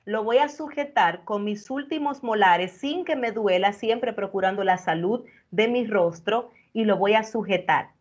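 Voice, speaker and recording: In a live online workshop, a woman speech coach gives a participant direct feedback, explaining things and reassuring them as she speaks to them directly. Her voice is medium-pitched with a breathy edge, and she talks a little slowly with few pauses. The video-call audio sounds lo-fi.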